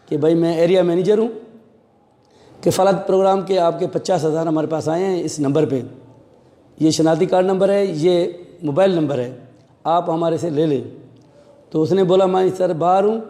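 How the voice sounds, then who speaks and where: High-voiced man with a dark, mellow tone. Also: moderate pace, long pauses, big-room sound. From Pakistan. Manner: animated storyteller acting out quoted dialogue. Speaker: police officer. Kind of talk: recounting events in an interview.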